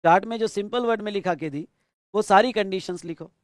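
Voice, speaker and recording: Indian man, exam-prep teacher dictating answers, high voice, close dry sound. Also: no room sound. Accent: Indian English. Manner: instructive, dictates slowly and repeats phrases; mixes Hindi and English. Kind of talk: online lecture, dictating answers.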